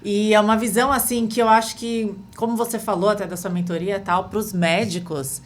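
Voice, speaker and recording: A woman hosting a podcast, asking questions in a casual, reflective way and affirming what her guest says. Her voice sits at an average pitch. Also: level tone, a little fast. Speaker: podcast host.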